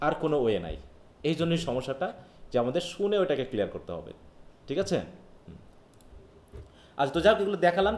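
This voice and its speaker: His voice sits on the high side and sounds a little mellow as this male teacher from Bangladesh leads a live online phonetics lesson. Patient and explanatory, he often pauses to make sure his students follow, all recorded in an echoey room.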